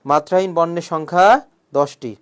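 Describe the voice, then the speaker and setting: A male coaching teacher giving an online grammar lecture, drilling students with repeated questions and answers, joking with threats and often clearing his throat. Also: on the high side, steady tone, normal speed. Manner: jokingly threatens students who have not shared the class.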